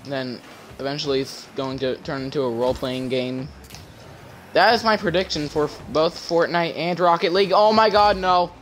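A young man commentating his own gameplay, excitable, yelping and shouting at plays, faint game music behind. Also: a little high, normal speed, a little hiss or hum. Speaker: gamer.

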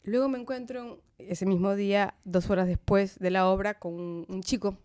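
A woman with a Peruvian Spanish accent, an actress telling anecdotes as a podcast guest in an animated, laughing way. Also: mid-range voice, moderate pace. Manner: animated, laughing storyteller who acts out quotes. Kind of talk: casual storytelling interview.

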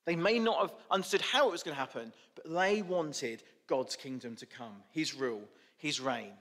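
A man's voice: a little high, moderate pace, a bit bright. A male preacher giving a sermon, telling a story with informal asides. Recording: echoey church hall.

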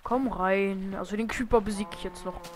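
A woman's voice: mid-range voice, fairly even intonation, normal speed. Woman muttering over noisy game commentary. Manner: mutters and whispers asides to herself; bursts into loud startled shouts. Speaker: let's play gamer. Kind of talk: casual gameplay commentary. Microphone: desk microphone. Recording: noisy home mic with hiss and clicks.

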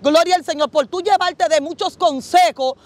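Woman pastor, high voice, earnest, testimony interview. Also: normal speed, a little mellow, no echo. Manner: earnest, repeats the host's name often.

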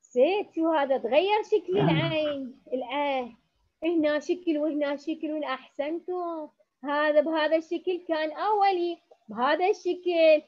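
Iraqi supervisor, woman, high-pitched, models a lesson for teachers while coaxing pupils along; dull lo-fi recording. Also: normal speed. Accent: Iraqi Arabic. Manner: coaxing pupils with endearments, sounding out syllables. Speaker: educational supervisor.

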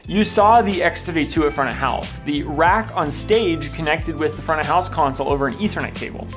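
A man's voice: on the high side, brisk, over music. Upbeat young man narrating a tech walkthrough. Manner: upbeat, enthusiastic. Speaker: video producer narrating. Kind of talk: scripted voice-over walkthrough. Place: small room with blue wall.

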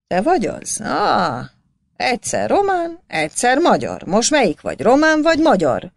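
A woman voicing a scornful middle-aged male village clerk who mocks and shouts at a poor man. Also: on the high side, huge pitch swings, creaky, no echo, clean studio sound, pitched above the performer's own voice, exaggerated voice. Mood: mocking. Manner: mocking, shouting.

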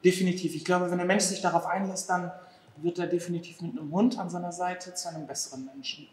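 A man in his thirties from Afghanistan, a dog behavior therapist appearing as a guest, chats casually in an interview with a high-pitched voice and quick pace. He's lively and animated, acting out little scenes of dog owners' exclamations. The recording was made indoors in a large empty restaurant hall, so it sounds echoey.

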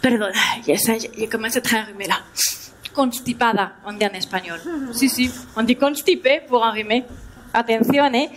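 A woman's voice: fairly high pitch, fairly even intonation, moderate pace, a crowd in the background. A woman with a Spanish accent doing a stand-up routine on a theater stage, playing a bubbly Spanish language teacher who mixes Spanish into her French. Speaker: stand-up comedian. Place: theater stage before a live audience.

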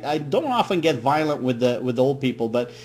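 A middle-aged man makes an improvised, comic prank call from a small room at home, rambling along in a show of naive worry. His medium-pitched voice is expressive, brisk, a little mellow and slightly rough. The webcam audio is noisy, with an audible hum.

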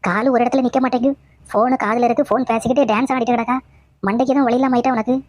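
A woman's voice: a little high, steady tone, very fast, a little mellow, no room sound, lightly acted. A woman voicing a nagging cartoon mother-in-law. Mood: suspicious. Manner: scolding, repetitive nagging. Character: scolding middle-aged mother-in-law, nagging and fussy. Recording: dull lo-fi dry audio.

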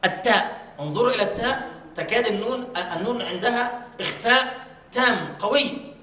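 A man teaching Quran recitation rules, repeating words slowly and drawing them out to show the pronunciation, in a mosque. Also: extremely high pitch, sharp tone. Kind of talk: tajweed lesson with demonstrated recitation. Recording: echoey mosque hall.

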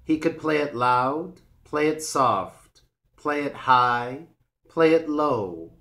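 A man reading a folktale aloud for English learners, slowly and clearly. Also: on the high side, animated, fairly bright tone. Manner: slow, clear and measured reading. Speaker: English teacher.

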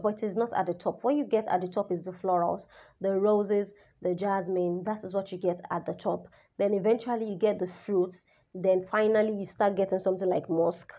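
Still getting over the flu, a young vlogger with a slightly raspy, mid-range voice chats expressively about a perfume, speaking directly to her viewers. She sits indoors in a small room, framed head-and-shoulders by a camera in front of her.

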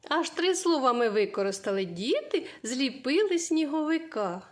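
A woman's voice: sits high, sing-song. A woman teacher giving a literacy lesson to young children, asking simple questions and answering them herself. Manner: slow, sing-song questions to small children. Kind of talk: early-years literacy lesson.

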